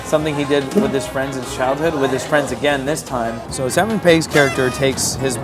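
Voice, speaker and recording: Male, rowdy drunken party animal, rambling and sweary, over clear background music. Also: mid-range voice, a little fast, low-quality recording. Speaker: presenter of a drunk interview show. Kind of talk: rambling, boozy casual film summary. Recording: music playing behind the voice.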